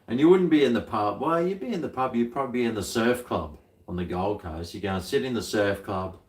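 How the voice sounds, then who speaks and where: A man's voice: fairly low pitch, expressive, brisk, a little mellow. A middle-aged man with an Australian accent chatting casually on a livestream, laid-back, blokey and full of slang. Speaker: livestream host. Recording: roomy, echoey sound.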